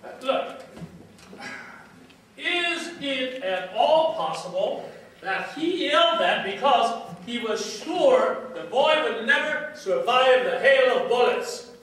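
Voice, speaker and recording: A man plays a doubtful questioner who pushes back with careful, probing questions. He speaks slowly in a very high register. The voice carries from far across an echoing stage. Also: expressive, fairly bright tone, full character voice. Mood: skeptical. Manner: short reactions and probing questions. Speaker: stage actor in a multimedia play. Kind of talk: stage play dialogue. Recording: echoey stage recorded from far off.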